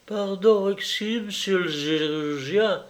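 A man's voice: sits high, fairly even intonation, slow, darkish tone, pitched above the performer's own voice. A man playing a timid, grieving old peasant woman. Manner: rustic, pleading.

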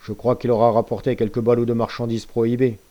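A man voicing a sly, scheming male ship's accountant who answers in a smooth, guarded, persuasive way in a storybook reading. His voice is lifted a little above his narrating tone. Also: medium pitch, flat delivery, fast talker, highs cut off, lightly acted. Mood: evasive.

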